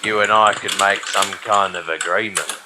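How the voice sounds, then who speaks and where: A man's voice: lowish voice, fairly even intonation, normal speed, voice pushed down, natural voice. A man improvising a blunt, sardonic, menacing London gangster in a tabletop role-play, swearing and muttering threats. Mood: low, menacing. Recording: noisy room with clicks and typing.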